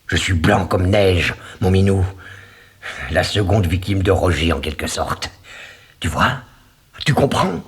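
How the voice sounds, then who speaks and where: An actor playing a vain, manipulative crime writer in a 1980s radio drama, theatrical and swinging between cooing whispers and shrill outbursts. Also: male voice, expressive, measured pace, pauses often, husky, full character voice. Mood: gloating. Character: scheming middle-aged male crime writer, vain and manipulative. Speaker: Anselme Leroy, suspect author.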